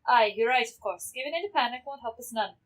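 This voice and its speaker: A woman's voice: a little high, fast, fairly bright tone. A woman putting on a frantic Irish gunsmith lass. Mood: steadying. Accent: Irish, put on. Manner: frantic, breathless worry. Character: panicky young female gunsmith, fretful.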